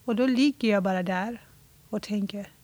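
Recounting her own experience in an interview, an Iranian woman speaks thoughtfully with frequent hesitations, easing her pace whenever her feelings come up. She has a mid-range voice with a darkish tone, and there is no echo.

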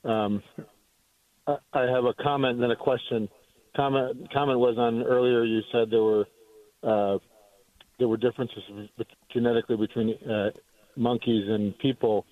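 A man from Maine calling in to a radio show over the phone, talking in a halting way as he searches for words. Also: mid-range voice, steady tone, dry recording. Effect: heard over the phone. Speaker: caller. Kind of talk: call-in radio chat. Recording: tinny dry phone line.

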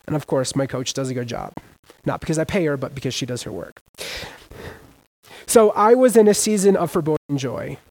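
A man preaching a sermon as pastor, emphatic and casual, with sudden loud rises and everyday slang. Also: a little high, a little fast, pauses often, low-quality recording.

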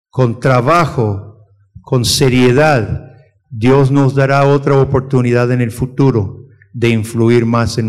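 A man from the United States teaching a church class and taking questions, speaking earnestly with halting restarts and growing urgency. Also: medium pitch, big-room sound. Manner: earnest, rises to forceful urgency when preaching. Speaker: missionary teacher.

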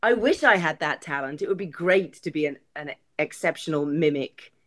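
Expressive woman with a mixed English accent. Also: deep voice, moderate pace. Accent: mixed English, partly Australian. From England. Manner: expressive, crisply enunciated. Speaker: guest, arts executive director. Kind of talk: casual interview chat.

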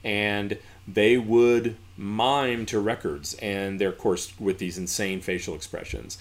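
A man with a Southern accent appears as a podcast guest, casually telling rambling anecdotes full of restarts. His voice is lowish, with fairly even intonation and a slow pace.

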